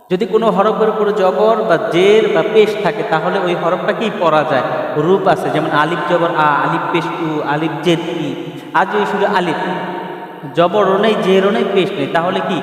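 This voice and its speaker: A man's voice: sits high, normal speed. A man teaching Quran reading step by step, asking questions and answering them himself, spelling out letters in a chanting sing-song. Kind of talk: step-by-step recitation lesson. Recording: echoey hall, mic far off.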